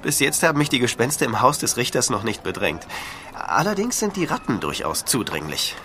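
An actor playing a young, polite, sceptical scholar in a German horror radio drama, courteous and expressive. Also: male voice, mid-range voice, a little fast, a little hiss or hum. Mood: amused, sceptical. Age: young adult. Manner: courteous, well-mannered, expressive.

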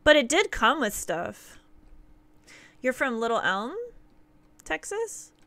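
A livestreamer from Nova Scotia, Canada, in her thirties, chats casually with viewers during gameplay, upbeat and laughing often, in a Nova Scotian accent. She speaks at a slow pace in a high, somewhat bright voice with big pitch swings, recorded in a small indoor room.

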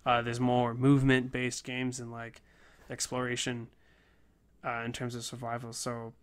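A man's voice: mid-range voice, completely flat delivery, unhurried, clear, resonant tone. A young man casually talking over his class game project, rambling with lots of fillers and restarts. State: a bit out of breath. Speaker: game design student. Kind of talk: casual development-log talk.

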